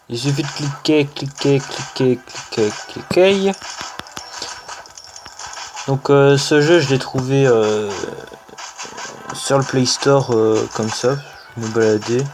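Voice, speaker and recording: A man with a French accent commenting casually on a mobile game he is playing, hesitant and full of fillers. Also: mid-range voice. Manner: hesitant, many "euh" fillers, slow and unhurried. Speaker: gaming channel host. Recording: music playing under the voice.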